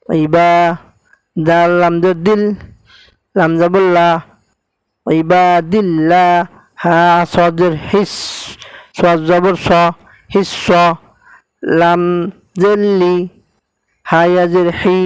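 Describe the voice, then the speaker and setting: A man's voice: high-pitched, clear, resonant tone, no echo, rough recording. A man teaching recitation, spelling out each syllable and then blending it into the word, with a Bangladeshi Bengali accent. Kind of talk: slow spelled-out recitation lesson.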